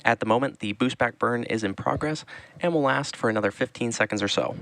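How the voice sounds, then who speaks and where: A man giving live explanatory launch commentary as a webcast host, measured and informative. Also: medium pitch, gravelly, fairly bright tone, dry recording.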